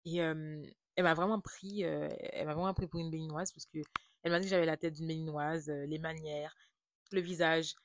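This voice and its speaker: A woman's voice: low voice, fairly even intonation, fairly quick, a little hiss or hum. A woman from Haiti with a French accent, telling a personal travel story in a confiding, reflective way. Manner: confiding, reflective, softly spoken. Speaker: vlogger.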